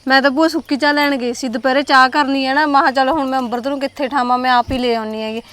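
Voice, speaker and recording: A young woman with a Punjabi accent talks quickly in a high voice in a village family drama. She coaxes and cares for her aunt. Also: steady tone, fairly bright tone. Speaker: married niece.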